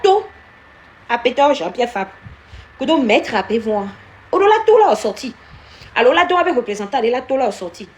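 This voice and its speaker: A woman giving casual live-stream commentary, slipping into Ewe and scolding viewers by name. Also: a little high.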